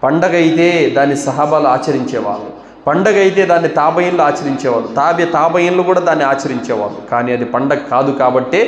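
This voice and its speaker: A man's voice: a little high, quick pace, roomy sound, big-room sound. A man delivering a sermon as an Islamic preacher, asking rhetorical questions and rising into urgent exhortation.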